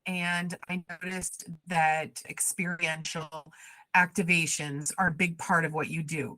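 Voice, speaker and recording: A woman's voice: fairly low pitch, bright, forceful tone, no echo. A woman co-hosting a podcast, asking questions in an upbeat, encouraging way. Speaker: podcast co-host. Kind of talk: podcast interview.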